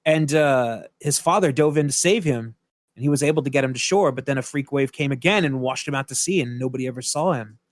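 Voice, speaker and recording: A podcast co-host recaps a movie's plot in a casual film-review style, animated, profane, and full of fillers. His mid-range voice moves a little fast, captured on a podcast mic with no room sound.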